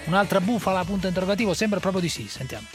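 Fast, high-voiced pushy radio host. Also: male voice, lively intonation, faint music behind. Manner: pushy, interrupting, keeps pressing questions. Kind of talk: call-in radio interview.

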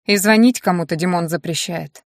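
A woman's voice: fairly low pitch, a little fast, no echo, studio quality, close to an everyday voice. A woman reading the part of a sulky young man in an audiobook, mumbling his replies. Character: sulky young male roofer.

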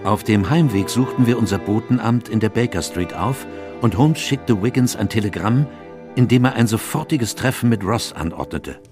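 Radio-play narrator, played by a man: composed gentleman doctor, low measured voice, faint music behind. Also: close to an everyday voice. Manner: measured storytelling. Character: composed male doctor recounting his detective friend's case.

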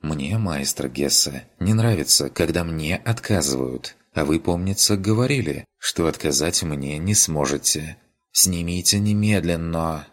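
A man's voice: rumbling low, unhurried. A man doing a teasing, flirtatious noblewoman. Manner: teasing, coquettish.

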